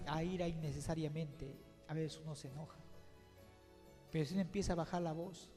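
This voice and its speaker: A male pastor preaching a sermon, swinging between calm teaching and emphatic outbursts, acting out little quotes from the people he describes. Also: fairly high pitch. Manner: preaching, rising to emphatic outbursts and quoting others in little acted voices. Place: church. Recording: church hall reverb with background music.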